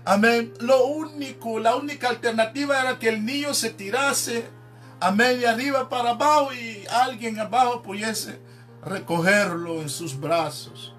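High-pitched preacher guy, emphatic sermon, says amen a lot, faint music behind. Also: unhurried, a bit bright. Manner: emphatic, peppers speech with "amén".

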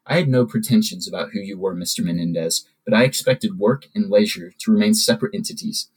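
A man's voice: lowish voice, brisk, breathy edge, rough recording. A man voicing a poised young princess who speaks in a prim, formal way. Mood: indignant. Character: elegant princess, young woman, cool and formal.

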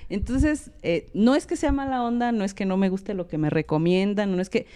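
Mexican woman guest, warm and mellow, lively storyteller who acts out quotes. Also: medium pitch, moderate pace, smooth. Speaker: guest, former librarian. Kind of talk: casual chat.

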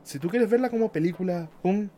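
A man's voice: high voice, brisk, dark tone, slight background noise. A man from Chile with a Chilean Spanish accent, hosting a casual podcast chat, laughing often and trailing off mid-sentence. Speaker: podcast host.

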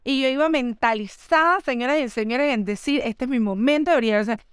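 A young woman tells animated travel stories on a casual podcast. Her voice sits a little high and is very clear, recorded close and dry. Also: fairly quick, no room sound. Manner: lively, animated storytelling. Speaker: podcast co-host. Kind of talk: casual chat.

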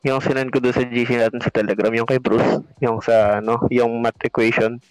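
A man's voice: medium pitch, little pitch movement, a little fast, clear, resonant tone, no echo, poor audio. A young man in casual chat, explaining things in a matter-of-fact way. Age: young adult. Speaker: friend.

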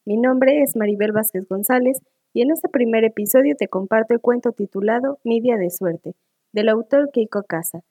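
A woman's voice: fairly high pitch, normal speed, dark tone. A woman hosting and reading a children's story aloud with expression.

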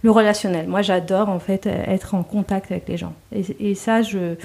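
A woman with a warm, mellow voice tells her story at an easy conversational pitch. She laughs often and circles back on her words, restarting her sentences with plenty of fillers. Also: fairly even intonation, moderate pace, creaky. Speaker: guest. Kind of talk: conversational interview.

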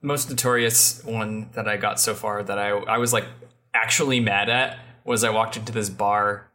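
A man's voice: fairly low pitch, moderate pace. A man co-hosting a podcast, telling stories in blunt, casual chat with swearing. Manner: blunt, swearing, animated storytelling. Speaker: podcast co-host.

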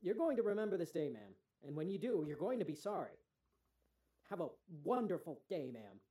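Cold official, dark-toned, fake courtesy. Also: male voice, high-pitched, big pitch swings, brisk. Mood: threatening. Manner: coldly threatening, falsely polite. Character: threatening male official at a door.

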